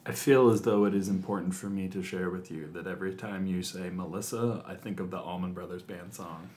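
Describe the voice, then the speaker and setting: A man co-hosting a podcast with a fairly low voice. He answers dryly and in a deadpan way, mostly in short replies. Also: brisk, a little hiss or hum. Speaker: podcast co-host. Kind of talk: casual podcast chat.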